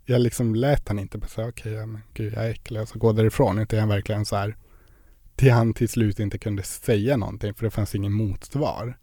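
Chatty young man, dark mellow voice. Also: lowish voice, steady tone, no room sound, clean studio sound. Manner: chatty storytelling with many fillers. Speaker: podcast guest. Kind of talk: casual interview chat.

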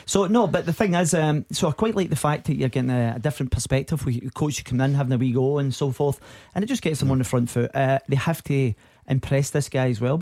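A Scottish man giving football analysis on the radio in a rapid, chatty way, often repeating words as he thinks. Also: mid-range voice, darkish tone, dry recording, studio quality. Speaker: football pundit.

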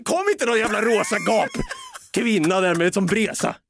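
A man co-hosting a podcast, telling a comic story in a casual, animated way and swearing a lot. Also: high-pitched, background noise. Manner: animated, swearing, acts out voices in his anecdotes. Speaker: podcast co-host.

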